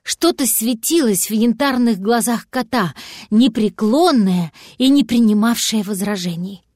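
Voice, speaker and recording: Expressive woman reading a storybook. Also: on the high side, unhurried, no echo, clean studio sound. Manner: lively, expressive. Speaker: narrator.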